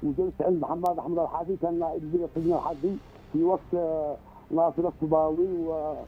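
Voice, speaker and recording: An older Yemeni man on a thin, tinny phone line, telling his memories at a quick pace and stumbling through pauses and restarts. His voice sits a little high for a man. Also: flat delivery, faint music behind. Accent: Yemeni Arabic. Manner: rambling, halting recollections. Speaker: caller.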